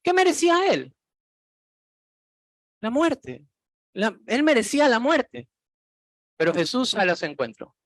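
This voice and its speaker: A man's voice: very high-pitched, wildly swooping pitch, measured pace, pauses often, fairly bright tone, dry recording. A man preaching a sermon as pastor, reading Bible verses aloud and putting many questions to the congregation.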